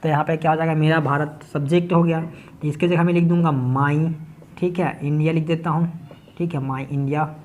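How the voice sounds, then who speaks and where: A classroom grammar lesson at a board comes from a man from Chhattisgarh, India, who teaches English in Hindi with a local accent. His voice is a little high and darkish, level in tone and at normal speed, and he goes step by step, regularly asking "ठीक है".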